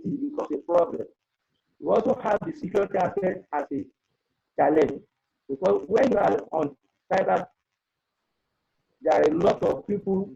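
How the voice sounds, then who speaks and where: A webinar panelist on data protection gives earnest advice on a video call through an earphone mic, repeating himself, while the online connection breaks up. His voice sits high, mellow and husky with vocal fry, and the recording is muffled.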